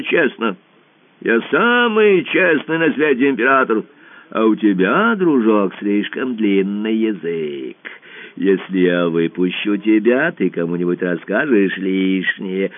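A sly, cruel emperor who coos with false sweetness and swoops up and down in pitch, as a male narrator acts him out. His cajoling is smug and theatrical, with a hiss under the surface. It sounds thin and tinny, like a radio play over a phone line. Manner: falsely sweet, then hissing.

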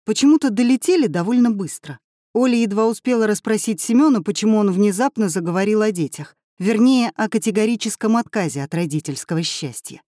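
A woman reads an audiobook aloud in an expressive storytelling manner, her pitch moving widely. Her voice is mellow and warm. The recording is dry and close. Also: fairly quick, no room sound. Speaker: audiobook narrator.

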